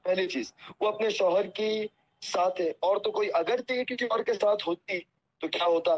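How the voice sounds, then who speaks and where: The Islamic cleric on this muffled phone recording is a deferential man who apologizes and speaks with earnest piety, peppering his words with religious phrases. He has a high-pitched voice and a normal speaking speed.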